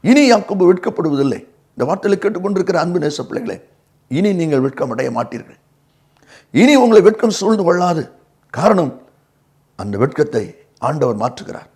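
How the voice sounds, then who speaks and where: A man's voice: on the high side, very animated, a little fast, pauses often, a little mellow, slightly rough. A man with a Tamil accent preaching a televised devotional sermon, stressing his points by saying them twice. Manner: emphatic preaching, repeating lines for emphasis.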